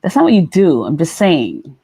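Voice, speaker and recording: Female co-host, very low and gravelly voice, relaxed storyteller. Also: normal speed, no echo. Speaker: podcast co-host. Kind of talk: casual chat on a live show. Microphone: studio microphone.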